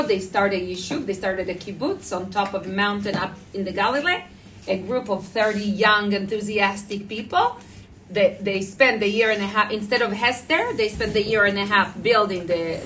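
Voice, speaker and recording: A woman's voice: mid-range voice, fairly bright tone. A woman with a Moroccan-influenced Israeli accent telling a personal story to a group, often restarting and rephrasing her sentences. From Israel, small moshav near Modi'in. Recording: noisy, distant microphone.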